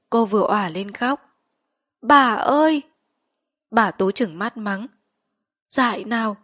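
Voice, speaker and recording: A woman narrating a literary short story in a measured, steady reading voice. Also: mid-range voice, dry recording, studio quality.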